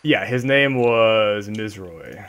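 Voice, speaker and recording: A man's voice: on the low side, lively intonation, a bit bright, smooth. Dry, teasing man as game master. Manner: dry, teasing, unhurried narration. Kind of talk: narrating a tabletop game.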